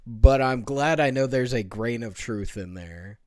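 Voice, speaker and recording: A young man co-hosting a casual podcast, talking in a relaxed, laid-back way. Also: medium pitch, unhurried, no room sound. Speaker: podcast co-host. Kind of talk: casual chat.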